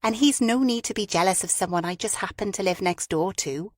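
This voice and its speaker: A woman's voice: medium pitch, brisk, dry recording, clean studio sound, natural voice. A woman voicing a guarded woman.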